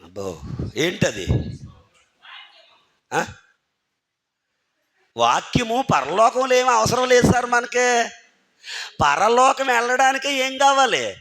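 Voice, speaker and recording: This man's voice is very high, bright, and forceful, very animated yet slow, with vocal fry and long pauses. He's giving a sermon in a church hall, peppering the congregation with rhetorical questions, naming individual listeners, and pressing everyone to think carefully.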